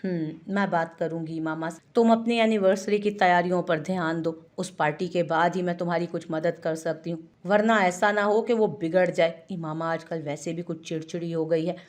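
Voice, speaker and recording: एक महिला कथावाचक एक अधेड़ उम्र की शांत, ममतामयी महिला डॉक्टर की आवाज़ पढ़ती है।. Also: female voice, fairly low pitch, fairly even intonation, moderate pace, few pauses, a little mellow, natural voice. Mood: gentle. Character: calm motherly woman doctor, middle-aged. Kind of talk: audiobook character voice.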